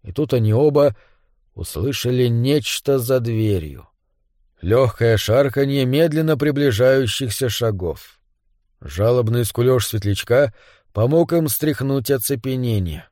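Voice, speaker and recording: A man reading a suspense story aloud in a measured, steady manner. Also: mid-range voice, no room sound, clean studio sound. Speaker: narrator. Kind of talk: audiobook narration.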